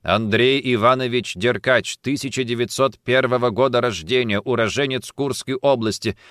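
A stern police major pressing a woman with cold, insistent questions, voiced by a male reader. His voice sits at an ordinary male pitch, recorded close and dry. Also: moderate pace, no room sound, natural voice. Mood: accusing. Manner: cold, insistent questioning, low and quiet at times. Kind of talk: audiobook character reading.

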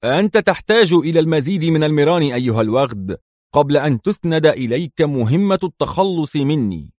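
A man voicing a calm, sarcastic secret agent hero. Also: mid-range voice, moderate pace, dry recording, studio quality. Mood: sardonic. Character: cool, sardonic male secret agent hero.

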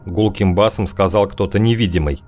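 Low-voiced male audiobook narrator. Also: a little fast, a little mellow, soft background music. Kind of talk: scripted narration.

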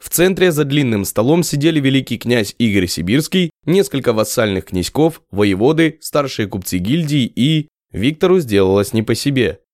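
A man narrating an audiobook in a lively storytelling manner. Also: mid-range voice, normal speed, no room sound, studio quality. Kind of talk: scripted narration.

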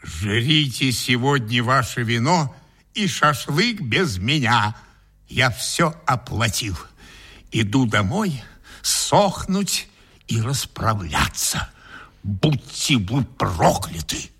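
A man's voice: medium pitch, sing-song, slow pace, sharp tone, slightly rough, pitched below the performer's own voice, heavily acted. A man voicing a cheeky young man who turns brash and whiny when cornered. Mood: resentful. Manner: brash then whiny pleading.

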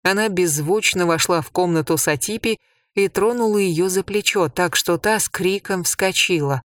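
Dry, measured audiobook narrator. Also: mid-range voice, no echo, far from the mic. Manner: even, measured storytelling. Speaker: audiobook reader.

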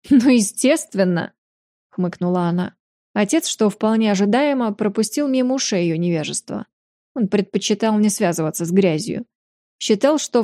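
Mellow woman narrating a fantasy audiobook. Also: mid-range voice, no room sound, studio quality. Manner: expressive, measured storytelling.

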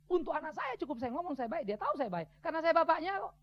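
A man preaching a sermon as a pastor, conversational and lively, acting out other people's voices. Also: extremely high pitch, racing. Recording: dull lo-fi sermon recording.

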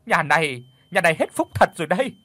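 A man voicing an older village mother who scolds her daughter with loud, wailing curses. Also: mid-range voice, sing-song, moderate pace, slightly rough, no room sound. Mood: furious wailing. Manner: wailing, cursing outbursts.

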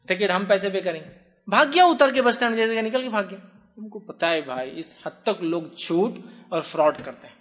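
A man giving a religious lecture, answering a question by telling lively stories and acting out both sides of each exchange. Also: sits high, lo-fi sound.

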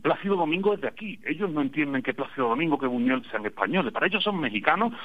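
A man's voice: on the high side, lively intonation, fast, breathy edge. A Spanish man with an Andalusian accent, a radio guest calling in and chatting casually, a digressive storyteller with wry humor. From Spain. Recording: tinny phone line.

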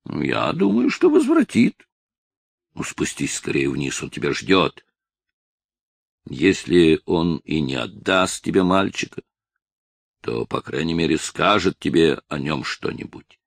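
A man's voice: extremely low pitch, huge pitch swings, slow pace, vocal fry, pauses often, breathy edge, dry recording, heavily acted. A man voicing a harsh old hunchbacked woman who bullies a young girl, in a scolding, commanding manner. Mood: urging.

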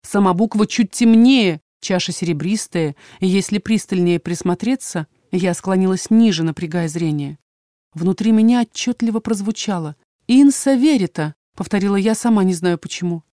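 A woman narrating a first-person fantasy audiobook in a measured, expressive way, on a close mic. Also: medium pitch, dry recording.

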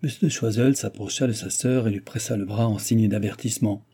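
A man reading a classic novel aloud as the narrator, in a measured, even storytelling delivery. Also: lowish voice, breathy edge. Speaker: audiobook reader.

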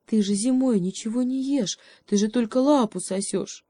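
A woman's voice: on the high side, moderate pace, warm tone, dry recording, pitched above the performer's own voice, close to an everyday voice. Woman playing a fussy little hedgehog. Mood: soothing. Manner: fussy, snorting. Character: small fussy hedgehog, snorting and practical.

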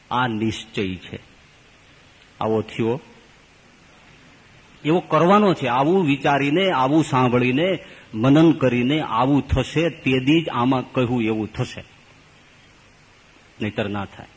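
A man with a Gujarati accent, a swami giving a storytelling scripture discourse, acting out the characters with big pitch jumps. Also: husky, long reverb tail, poor audio. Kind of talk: storytelling sermon.

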